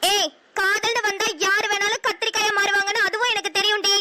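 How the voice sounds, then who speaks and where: Woman, Namakkal Tamil accent, cartoon storyteller, very high pitch, fast, emotional. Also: level tone, heavy background noise. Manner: emotional, scolding, fast-talking. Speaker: voice artist and narrator.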